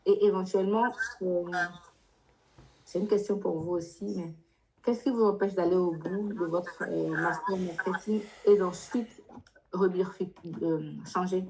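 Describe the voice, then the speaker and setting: Against a noisy background, a woman with a mid-range voice answers questions live as the adviser in a workshop for international students. She speaks spontaneously, directs firmly and probes with questions.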